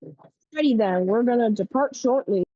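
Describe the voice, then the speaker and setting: A woman heard over a radio, calling in as a model railroad train operator and reading back clearances in crisp radio callouts. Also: a little high, moderate pace, mellow, dry recording. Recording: dull lo-fi radio sound.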